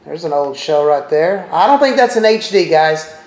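A man's voice: on the high side, lively intonation, normal speed, a little mellow. Chatty man in a roomy echo. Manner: rambling, thinks aloud, chatty asides to viewers. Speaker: presenter demonstrating a TV streaming service. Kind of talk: casual walkthrough talking to viewers.

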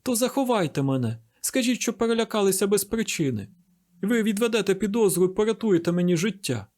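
A man's voice: high-pitched, expressive, brisk, a little mellow, pitched above the performer's own voice. A man reading an audiobook, voicing a desperate young male fugitive who begs frantically. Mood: pleading. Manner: pleading, frantic.

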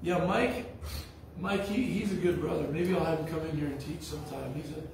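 A man's voice: a little high, fairly quick, vocal fry, a little mellow, slight background noise. A man preaching a sermon as pastor, telling stories in a blunt, folksy way. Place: church sanctuary. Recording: echoey church hall from far off.

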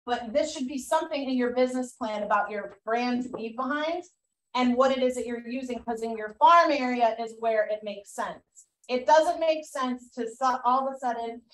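A woman's voice: on the high side, normal speed. A woman with a Boston accent leading a real estate training class, chatty and loose with fillers and restarts. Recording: echoey room, mic far off.

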